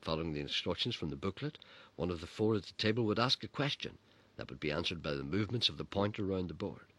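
Male storyteller, wry and dry; low-pitched, very lively delivery, bright tone. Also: fast, husky. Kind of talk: personal story narration.

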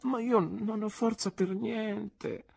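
A woman reader puts on a frightened, childish young wife, high and plaintive, swinging into a pleading whine and petulant protests. The voice is husky and close, in a dry, dead booth for a storybook audiobook. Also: fairly even intonation, slow, a little mellow, dry recording, full character voice.

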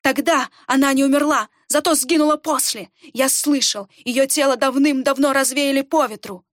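A brazen, glib male schemer from a fantasy storybook, boasting of his lies, as a woman reads him. The voice is fairly high and the sound dry and close. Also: normal speed, fairly bright tone, no echo.

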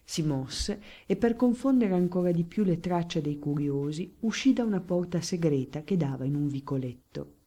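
Audiobook reader: woman, low and mellow, measured and even. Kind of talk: scripted narration.

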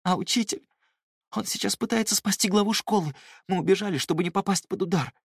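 A man's voice: high voice, fairly quick, vocal fry, slightly rough, dry recording, studio quality, pitched above the performer's own voice, heavily acted. A man doing a frightened young woman. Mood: tearful.

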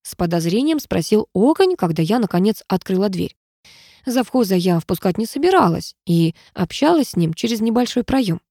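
A woman narrating an audiobook in lively first-person storytelling. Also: medium pitch, moderate pace, no echo, studio quality.

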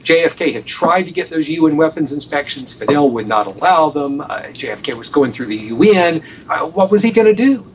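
A man's voice: a little high, lively intonation, brisk, few pauses, slight background noise. American guy being interviewed, emphatic, keeps restarting phrases, sounds a little distant. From United States. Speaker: guest author on a radio show. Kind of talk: animated interview storytelling.

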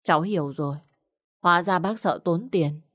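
A woman's voice: fairly low pitch, moderate pace, fairly bright tone, no echo, clean studio sound. A woman voicing a poor young village girl who speaks politely and pleads. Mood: pleading.

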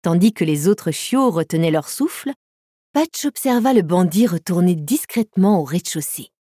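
A woman narrating a children's audiobook in a calm, even storytelling manner. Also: fairly low pitch, moderate pace, dry recording, clean studio sound.

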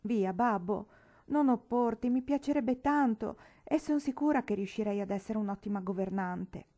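An earnest, insistent girl of eighteen, put on by a woman reading a novel aloud. She pleads in a lifted, mellow voice that keeps pressing her case. A storybook heroine set on proving herself. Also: on the high side, moderate pace, pitched above the performer's own voice, close to an everyday voice. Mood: earnest pleading. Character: eager eighteen-year-old girl pleading.

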